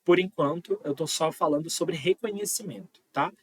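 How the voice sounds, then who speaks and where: A man's voice: a little high, moderate pace, a bit bright, husky, dry recording. A man giving an online phonology lesson, explaining patiently and often checking in with "tá?". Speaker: linguistics teacher.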